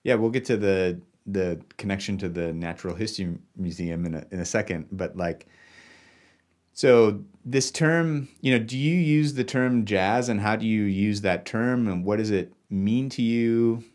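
A man's voice: lowish voice, moderate pace, darkish tone. A man in his thirties hosting an interview over a video call, asking long, searching questions full of hedges. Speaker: interviewer host. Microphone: webcam on video call.

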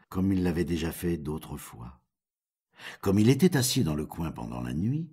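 A deep-voiced man reading a fairy tale, his intonation lively and full of turns. The voice is quite husky. He tells the story with expressive flair. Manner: expressive, animated voice changes.

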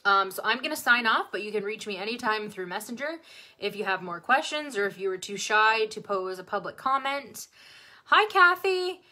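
A woman tutoring nursing exam students on a live stream, bubbly and excitable, chatting and answering viewers' comments. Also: mid-range voice, fairly quick. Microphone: phone or webcam, livestream.

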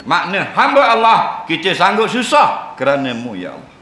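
A man's voice: sits high, wildly swooping pitch, normal speed, sharp tone. A man giving a jokey mosque lecture, often asking the audience if they understand. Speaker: religious lecturer. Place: mosque hall. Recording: roomy mosque hall sound.

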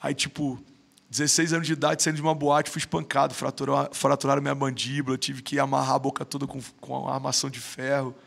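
A man's voice: medium pitch, little pitch movement, quick pace, gravelly, fairly bright tone. A man in his thirties with a Brazilian Portuguese accent, a podcast guest telling stories in a slangy, emphatic casual chat. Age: 30s. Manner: slangy, emphatic, keeps saying "mano".

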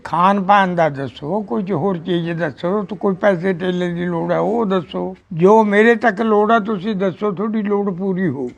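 Older man doing a weary folk-tale king with a high, gravelly voice. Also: normal speed, hardly any pauses. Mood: troubled. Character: worried old-time king, male, troubled.

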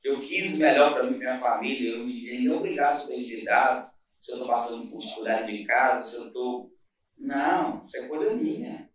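A brisk, medium-pitched man with a Brazilian Portuguese accent tells his story as a guest in a casual interview. He owns a restaurant and bakery, and he comes across as earnest and rambling, restarting often. The room echoes and the mic sits at a distance.

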